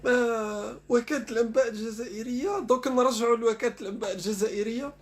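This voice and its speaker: A man's voice: extremely high pitch, fairly even intonation, rapid-fire. A man giving sarcastic online commentary, reading news dispatches aloud and then mocking them.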